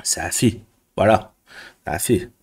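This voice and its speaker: Low-voiced man ranting crudely. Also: measured pace, a little mellow, husky. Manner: crude, exasperated, full of fillers like "tu vois". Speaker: YouTuber and business coach. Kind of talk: casual ranting vlog to camera.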